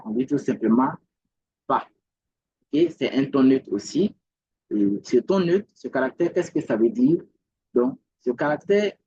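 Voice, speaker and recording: A man with an Ivorian French accent teaching a Mandarin lesson, repeating each word slowly and asking if his students follow. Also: medium pitch, a little mellow, husky, lo-fi sound. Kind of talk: language lesson.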